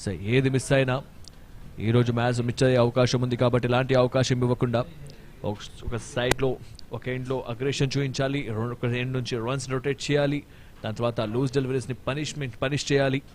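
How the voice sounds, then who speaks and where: A man delivers excited cricket commentary at a rapid clip in a Telugu accent. His voice sits at a middling pitch, and faint ground noise runs behind him as he calls the play in a mix of Telugu and English. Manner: excited, animated calls of wickets and boundaries.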